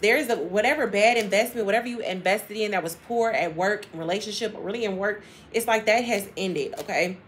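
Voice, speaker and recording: A woman's voice: medium pitch, fairly quick, few pauses, slight background noise. A woman giving a casual tarot reading to her viewers, chatty and emphatic, repeating phrases and laughing often. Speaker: tarot reader.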